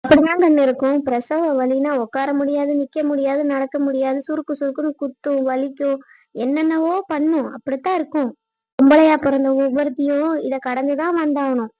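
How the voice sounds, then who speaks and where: A woman's voice: high-pitched, steady tone, a little fast, warm tone, no room sound, lo-fi sound, natural voice. A woman voicing an older aunt who soothes and gives firm orders. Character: older aunt, steady and comforting.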